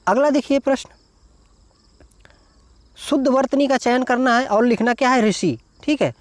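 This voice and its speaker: Here the teacher's voice is very high-pitched and his pace moderate, with no echo on the recording. Guiding students through exam prep, he explains answers step by step, spells words out syllable by syllable, and leans on "देखिए" and "ठीक है".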